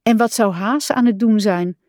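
A woman's voice: mid-range voice, normal speed, darkish tone, dry recording, clean studio sound, voice pushed up, close to an everyday voice. A woman doing Kikker, a homesick little frog. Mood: plaintive. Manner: plaintive, complaining. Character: small homesick male frog, timid and whiny.

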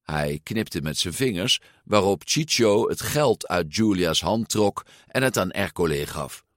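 A man reading a children's story aloud in an expressive, unhurried way. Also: low voice, dry recording, studio quality. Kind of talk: storybook read-aloud narration.

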